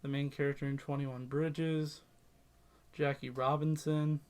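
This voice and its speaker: Young guy with a high voice, jokey fake news anchor bit on a casual podcast. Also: level tone, measured pace, a little mellow. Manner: playful, jokey anchor banter. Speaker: podcast co-host. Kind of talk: casual mock news chat.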